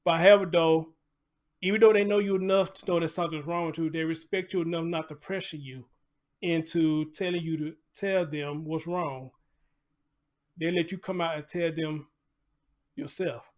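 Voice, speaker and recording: A fairly high-pitched American man with a steady tone speaks at normal speed as host of a casual live commentary show. His chatty delivery includes preacher-like asides, repetitions and rhetorical questions.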